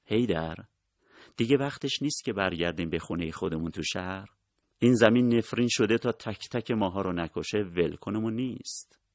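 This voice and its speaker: A weary, soft-spoken wife, voiced by a man reading her part in a storybook, speaking low and wistfully. The voice stays deep with a gravelly edge. The recording is close and dry, with no room sound. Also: no room sound, close to an everyday voice. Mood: earnest.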